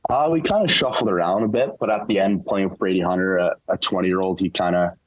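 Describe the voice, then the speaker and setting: Young man, very low voice, casual halting answers, dull lo-fi sound. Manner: relaxed, halting, lots of fillers. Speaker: interview guest, hockey player.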